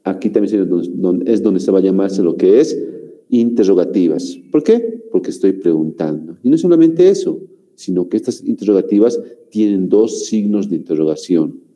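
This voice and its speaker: A man from Bolivia teaching a grammar class, speaking slowly and repeating himself, forever checking in with "¿no?" and "muy bien". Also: deep voice, lively intonation, dark tone, rough recording. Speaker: language teacher.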